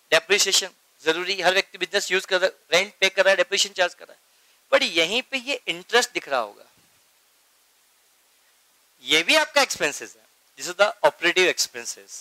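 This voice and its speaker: A male accounting teacher lecturing a class, with a high-pitched and bright, forceful voice. He drills key terms by repeating them and keeps checking that his students follow. The sound is dry and close, with no room echo. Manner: keeps asking students if they follow, calls them beta; mixes Hindi with English accounting terms.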